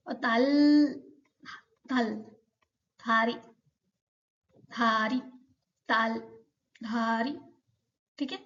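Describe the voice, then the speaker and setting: एक महिला शिक्षिका धैर्य से पाठ समझाती है और हर उच्चारण को धीरे-धीरे दोहराती है।. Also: female voice, on the high side, muffled recording. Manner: patient, repeats each sound slowly for learners. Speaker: Korean language teacher. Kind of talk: slow explanatory lesson.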